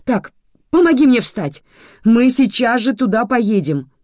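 A woman voicing an angry, bedridden adult daughter in an audiobook, shrill and indignant. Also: very animated, moderate pace, a little mellow, no echo, studio quality. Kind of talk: audiobook reading.

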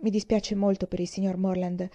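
A woman reading an audiobook voices a courteous young gentleman in her own measured, polite manner. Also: medium pitch, flat delivery, natural voice. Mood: calm.

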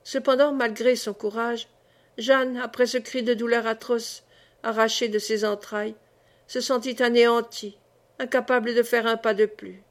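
Slow, dramatic woman audiobook reader. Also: on the high side, little pitch movement. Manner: slow, deliberate, dramatic reading. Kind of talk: scripted narration of a historical novel.

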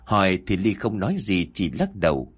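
Husky, lively male storyteller. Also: sits low, moderate pace. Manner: expressive, emotional. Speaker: narrator. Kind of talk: dramatic storytelling narration.

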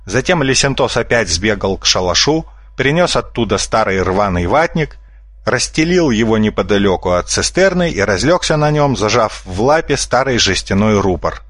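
A man reading a humorous children's storybook aloud as narrator in an even, storytelling manner. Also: on the low side, moderate pace, no room sound, clean studio sound. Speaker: audiobook narrator. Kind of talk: scripted narration.

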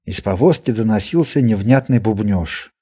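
A man narrating an adventure audiobook with expressive storytelling. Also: fairly low pitch, moderate pace, breathy edge. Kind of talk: scripted narration.

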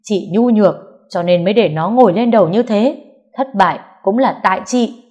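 A woman voicing a fiery, foul-mouthed young woman who shouts insults in sharp, combative bursts. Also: mid-range voice, lively intonation, normal speed, lightly acted. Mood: furious.

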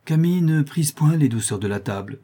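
Kindly old aunt, high and gentle, husky underneath , as a male narrator puts her on. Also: expressive, a little fast.

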